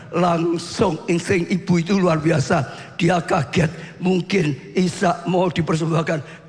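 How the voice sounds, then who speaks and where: Pastor preaching in a reverberant hall. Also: male voice, sits high. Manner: dramatic retelling, often rising to shouts; addresses listeners as saudara. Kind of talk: sermon storytelling.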